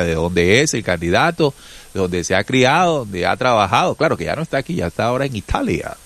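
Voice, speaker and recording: A man's voice: medium pitch, dry recording. A man with a Colombian Caribbean coast accent giving emphatic, indignant political commentary straight to his viewers. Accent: Colombian costeño. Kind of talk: casual political commentary to camera.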